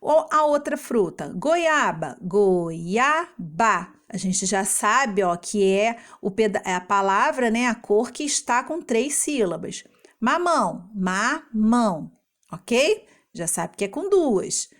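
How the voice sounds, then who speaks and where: A woman's voice: a little high, expressive, unhurried. Patient teacher woman sounding out syllables. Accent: Brazilian Portuguese. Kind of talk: explaining homework to young children.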